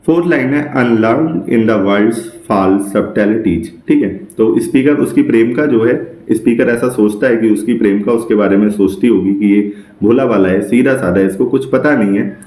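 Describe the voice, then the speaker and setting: A man teaching an exam-prep literature lesson, explaining step by step, often checking with the class, and reading English lines slowly. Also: medium pitch, warm tone, echoey room.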